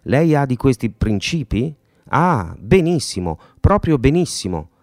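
A sharp-tongued, jealous mother full of sarcastic scorn, as a male narrator raises his voice for her. Her pitch climbs well above his usual reading and swings widely through her spite. The recording is close and dry. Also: very animated, a little slow, dry recording. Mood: ironic fury. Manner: shrill, sarcastic, spiteful gossip. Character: scornful jealous middle-aged mother, gossiping. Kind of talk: audiobook character voice.

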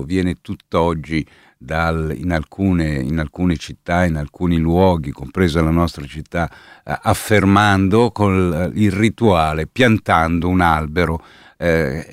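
Deep-voiced man presenting folk music; slow and reflective, pausing to find his words. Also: dry recording, clean studio sound. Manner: thoughtful, searches for words while explaining. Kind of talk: unscripted explanatory talk.

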